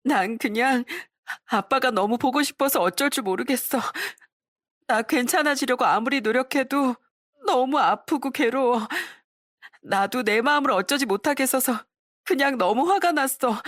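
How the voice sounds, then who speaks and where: A woman's voice: fairly high pitch, sing-song, normal speed, a bit bright, no echo, clean studio sound, voice pushed up. Woman doing a bitter, tearful teenage girl. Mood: sobbing apology. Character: rebellious teenage girl, grieving and angry.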